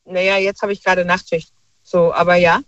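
Male caller, high voice, dry and dull phone sound, relaxed and hesitant. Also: fairly quick, clean tone, no echo. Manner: relaxed, hesitant with fillers, agrees readily. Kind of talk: casual phone-in chat. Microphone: telephone.

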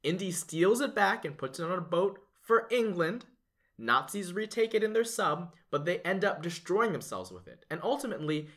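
A man's voice: high voice, fairly bright tone. A man co-hosting a casual legal podcast, recapping a movie plot with enthusiastic build-up. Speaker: podcast co-host, lawyer.

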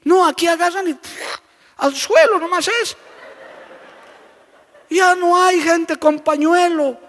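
A man voicing a chatty older woman who runs a roadside kiosk, exclaiming in a high, nostalgic tone. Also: slow pace, fairly bright tone, big-room sound, full character voice. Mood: amazed, exclaiming.

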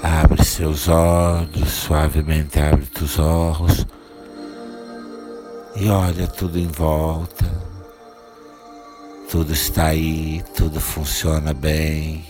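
A man leading a guided meditation in soothing, gentle, repeated instructions, pausing between short phrases. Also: very deep voice, level tone. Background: music with singing bowl tones.

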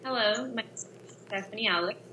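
A woman's voice: medium pitch, fast talker, noisy background. A woman, reflectively answering interview questions. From Venezuela. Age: 20s. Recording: roomy, dull lo-fi audio.

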